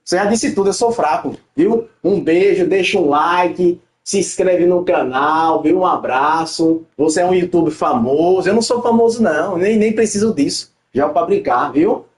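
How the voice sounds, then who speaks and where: Teasing streamer, roomy sound. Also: male voice, high voice, moderate pace, hardly any pauses. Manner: teasing, mocking, joking, laughs often. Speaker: gaming streamer. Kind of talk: livestream banter while playing. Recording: roomy echo.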